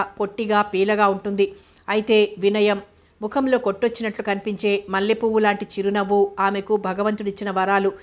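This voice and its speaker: A woman narrating an audio novel in a steady, measured reading voice. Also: medium pitch.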